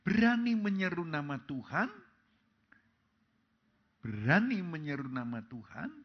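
Pastor, male, dramatic sermon delivery with big volume swings, somewhat high voice, dull recording. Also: very animated, unhurried. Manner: preaching with sweeping shifts between loud calls and soft low phrases.

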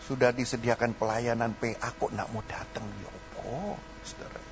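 At medium pitch and normal speed, the older Javanese-accented pastor speaks steadily over music. His folksy sermon, peppered with local dialect, builds into preaching fervor, captured in a dull lo-fi recording with a faint hum.

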